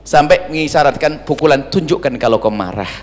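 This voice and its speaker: A man preaching a sermon, humorous and animated, slipping into little acted asides. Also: on the high side, fairly quick. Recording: long hall reverb.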